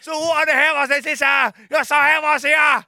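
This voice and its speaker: Man doing a shrill gushing makeover-show host. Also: fairly even intonation, creaky, bright, forceful tone, no room sound, clean studio sound, exaggerated voice. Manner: shrill, gushing, squealing cheers. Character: overexcited male TV makeover host.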